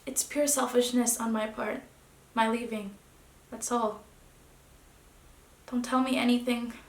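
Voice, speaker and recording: Woman acting out a dignified wife walking out, fairly high voice, restrained then sinking quiet, echoey room. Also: natural voice. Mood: quiet resignation, then bitter. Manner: restrained, dropping to hushed tones, then rising. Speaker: actor. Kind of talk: theatrical stage monologue.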